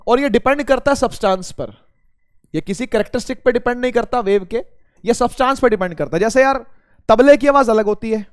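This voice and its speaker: A man's voice: high-pitched, clean tone, no room sound, studio quality. A man teaching a casual physics lesson, asking his students questions and answering them himself, his throat a little strained. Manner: addresses students as beta, asks and answers his own questions.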